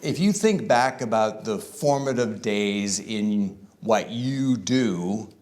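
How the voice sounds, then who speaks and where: A man addresses a room of pastors in an unhurried conference talk. His voice sits fairly low, and he drawls through his points, stretching key words out for weight while keeping a friendly, conversational tone. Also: lively intonation, a little mellow. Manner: conversational, with varied emphasis and deliberate slow stretches. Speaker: conference speaker. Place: conference room with live audience.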